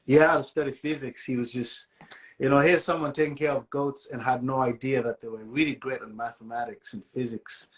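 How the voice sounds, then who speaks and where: A man from Malawi in his forties, a guest musician telling his story in a casual interview, relaxed and dropping "man" often. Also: mid-range voice, a little fast.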